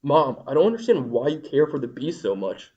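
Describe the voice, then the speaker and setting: A man playing a gruff, protective grown son who speaks bluntly and anxiously. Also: mid-range voice, very animated, brisk, darkish tone, lo-fi sound, close to an everyday voice. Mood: worried.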